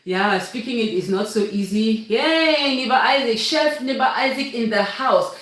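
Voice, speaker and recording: A cooking livestream host from Cameroon, speaking Cameroonian English, runs a casual live baking demonstration, chatty and instructive and constantly checking in with viewers. Her fairly high, fairly bright voice has lively intonation at normal speed, in a very echoey room with faint noise.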